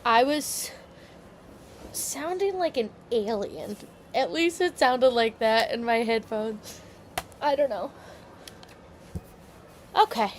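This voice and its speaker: Speaking slowly with long pauses, this woman has a slightly high voice, and there's a bit of background noise. She's a gaming streamer rambling through casual commentary, correcting herself and using lots of fillers, occasionally moving off her headset or desk mic.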